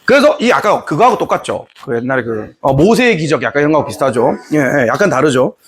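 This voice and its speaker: Fields: Sex: man. Role: history teacher. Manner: animated, playful. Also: on the high side, fast. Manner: animated storytelling, playful, voices characters. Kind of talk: lively lecture with acted-out scenes.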